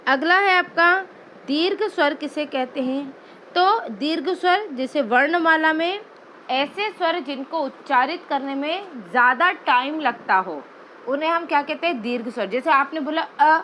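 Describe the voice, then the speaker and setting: Woman teacher, high and unhurried, patient, asks and answers her own questions; faint noise behind. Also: a bit bright, rough recording. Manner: patient, explains step by step with repeated checks; asks questions then answers them herself. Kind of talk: exam-prep lesson.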